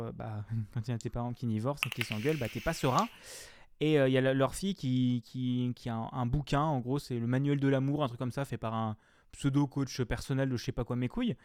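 A man's voice: mid-range voice, a little mellow, clear, resonant tone, dry recording. A young man reviewing a game in casual chat, rambling and slangy, with frequent swearing and filler words.

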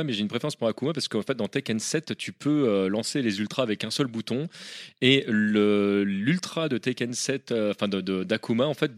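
Jokey man with halting speech. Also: lowish voice, no room sound, studio quality. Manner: jokey, stumbles and repeats words. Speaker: podcast co-host. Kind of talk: casual gaming chat.

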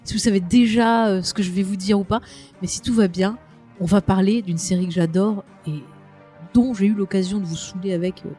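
A woman's voice: medium pitch, fairly even intonation, brisk, mellow, soft background music. Chatty woman podcaster with an accent. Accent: regional French accent. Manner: chatty, teasing, hesitant fillers. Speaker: podcast co-host. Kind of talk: casual podcast chat. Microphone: headset.

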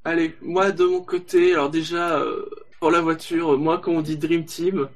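A man on a panel show, talking quickly and casually and often laughing along. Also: a little high, flat delivery. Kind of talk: casual podcast discussion.

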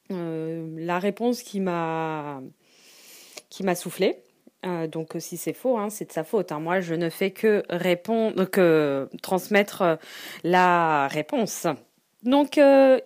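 A woman's voice: mid-range voice, dark tone. A woman leaving a casual voice message as a listener, playful and giggly, with a singsong, hesitant delivery.

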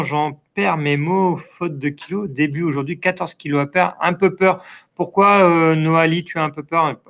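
A man's voice: a little high, fairly bright tone, lo-fi sound. A French man running a live online chat as community manager, reading out viewers' comments and answering them in a friendly, casual way, with many hesitations and a dry throat.

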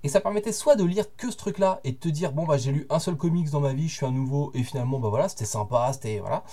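A man co-hosting a podcast, explaining his view in measured casual chat with hesitant fillers. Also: a little high, mellow. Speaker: podcast co-host.

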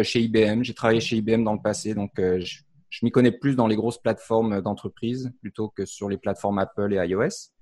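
A man from France with a Parisian accent softened by years in Canada, a podcast co-host explaining his setup in casual, pause-filled chat. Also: lowish voice. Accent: Parisian French, softened after years in Canada. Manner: relaxed, explanatory, with frequent "euh" pauses.

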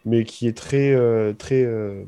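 A man's voice: mid-range voice, steady tone, slow pace, dark tone, smooth. A young man hosting a casual podcast chat about film music, rambling and hesitant, with jokey asides. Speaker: podcast co-host.

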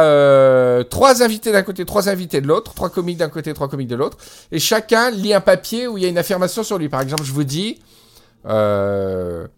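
A man co-hosting a podcast in casual chat, talking enthusiastically with frequent hesitations, recorded over a Skype call. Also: a little high. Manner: enthusiastic, hesitant with many fillers. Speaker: podcast co-host.

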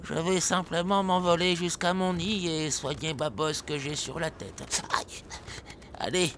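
A man voicing a hungry old male owl who has lost his glasses, speaking slowly and plaintively in a storybook. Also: a little high, a bit bright, slight background noise. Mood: grateful. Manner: slow, plaintive, groaning. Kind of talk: storybook character acting.

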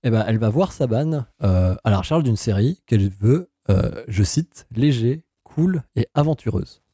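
Man, very dark mellow voice, husky, eager co-host explaining. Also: lowish voice, lively intonation, moderate pace, no room sound, clean studio sound. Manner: eager explainer, many hesitations, comments on the story. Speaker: podcast co-host. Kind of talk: casual chat.

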